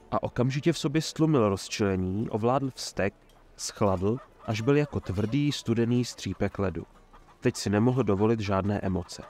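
Male audiobook narrator, measured. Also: lowish voice, a little mellow. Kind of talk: scripted fantasy narration.

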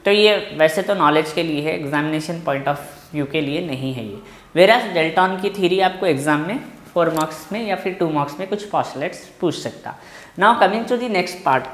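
A man with an Indian English accent teaching a physics lesson in a classroom, reading from the textbook slowly and then explaining in a quick mix of Hindi and English. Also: a little high, fairly bright tone, echoey room. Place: classroom with a board.

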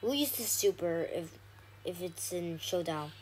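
Excitable woman narrating her gameplay. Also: lowish voice, a little slow, slight background noise. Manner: chatty, with frequent ums and excited shouted bursts. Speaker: gaming channel host. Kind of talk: gameplay commentary.

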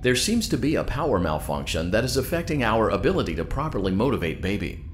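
An oblivious computer helper, chirpy and polite, his low voice run through computer processing. He bounces lively up and down as he reads out system messages. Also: quick pace, a little hiss or hum. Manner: upbeat scripted announcements, chirpy customer-service tone. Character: cheerful male computer guide voice, polite and oblivious.

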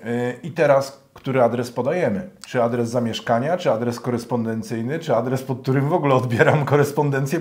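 A man's voice: mid-range voice, darkish tone. Male host, casual chatty questions, everyday examples. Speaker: interview host. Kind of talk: conversational interview questions.

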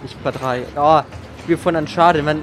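A man's voice: on the high side, steady tone, moderate pace, noisy background. A man streaming a let's play, muttering sarcastic commentary to himself as he plays. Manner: sarcastic self-talk while playing. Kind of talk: gaming commentary. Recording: voice over game sounds.

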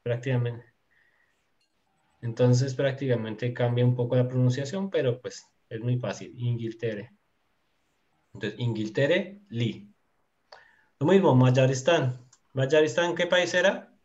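A man teaching a live online class, explaining things patiently and filling his pauses with small words. His voice sits at an ordinary middle pitch. The call audio comes through dull and lo-fi. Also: darkish tone. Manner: patient, explanatory, full of fillers. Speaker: Turkish teacher. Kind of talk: live online language lesson.

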